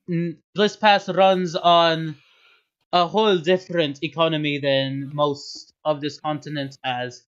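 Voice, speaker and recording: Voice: mid-range voice, close to an everyday voice. A game master voicing a busy woman leader who talks politely and hurriedly, with stumbling restarts. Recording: dull lo-fi sound.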